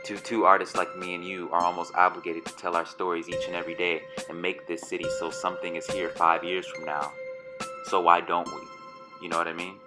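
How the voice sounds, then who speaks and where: Deep-voiced man leaving a voicemail. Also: level tone, brisk. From Detroit. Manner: earnest, urging, motivational. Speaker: artist. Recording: music playing under the voice.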